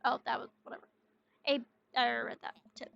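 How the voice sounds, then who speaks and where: Sleepy, high-voiced young woman streamer. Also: flat delivery, a little fast, gravelly, a bit bright. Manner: sleepy, humming to herself, casual. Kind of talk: game playthrough commentary. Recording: dull lo-fi sound.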